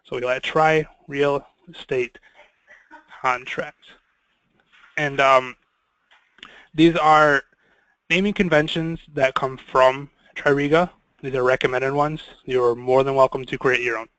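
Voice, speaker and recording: A man leading a screen-share software training, talking casually with many fillers. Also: medium pitch, steady tone, takes it slowly, pauses often, clean tone, no room sound, rough recording.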